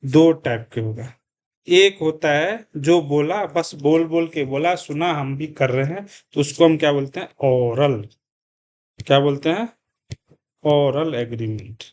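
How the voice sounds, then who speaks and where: A man's voice: fairly high pitch, a little mellow. A male commerce teacher lecturing a class, asking questions and answering them himself, repeating key terms and mixing English words into his speech.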